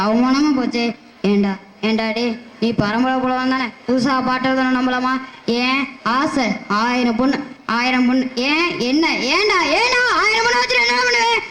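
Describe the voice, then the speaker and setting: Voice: sits high, roomy sound, lightly acted. An actor playing a poor, self-pitying male poet who grumbles, mocks and wails in a comic stage style. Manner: comic lamenting, wailing, sarcastic. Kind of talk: Tamil stage-play comedy acting.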